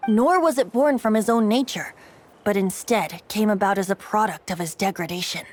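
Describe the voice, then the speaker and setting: A woman with a medium-pitched, fairly everyday voice voices a playful, secretive young male bard in a video game cutscene, at a moderate pace. She speaks in a lilting, teasing way before turning soft and solemn, with game soundtrack music and slight background noise; the overall mood is solemn.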